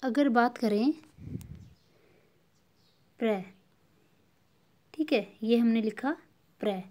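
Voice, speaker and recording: A woman's voice: on the high side, extremely slow, darkish tone. A woman teacher giving a patient lesson to children, drilling sounds by repeating syllables again and again. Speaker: school teacher.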